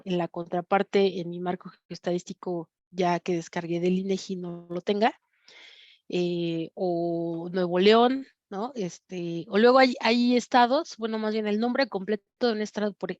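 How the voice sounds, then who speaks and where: A woman with a Mexican Spanish accent teaching an online class, pausing often with fillers and correcting herself as she explains her screen. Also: lowish voice, a little mellow, dry recording, highs cut off. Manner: many fillers and self-corrections. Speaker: course instructor. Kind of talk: screen-sharing lecture on crime data.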